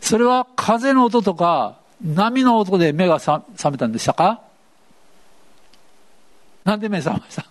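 A man's voice: high-pitched, animated, a little slow, long pauses. A man preaching a sermon, playfully asking the congregation questions as he goes. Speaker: pastor. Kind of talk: interactive sermon.

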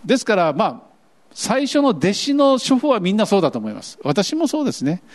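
A man's voice: high voice, fairly quick. A man preaching a sermon as pastor, acting out grumbling voices as he tells it, with a lilt. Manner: animated, acts out quoted grumbling voices.

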